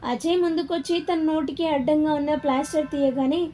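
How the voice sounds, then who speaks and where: A woman's voice: sits high, steady tone, a little fast, mellow, a little hiss or hum. A woman narrating a serialized story, voicing every character's dialogue herself. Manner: reads all characters in her own voice.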